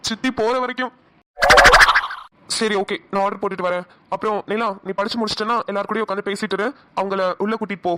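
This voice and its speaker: A woman voicing a teasing, easygoing young husband in a cartoon, speaking lower than her own voice. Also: fairly even intonation, quick pace, pauses often, fairly bright tone, slight background noise, natural voice. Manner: teasing, chatty.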